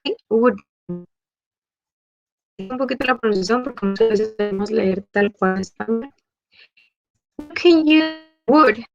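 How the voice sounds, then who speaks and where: Woman teacher, gravelly, slow and patient, dull lo-fi sound. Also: a little high. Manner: switches between Spanish and English, slow over example sentences. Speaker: English teacher. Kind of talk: online grammar lesson.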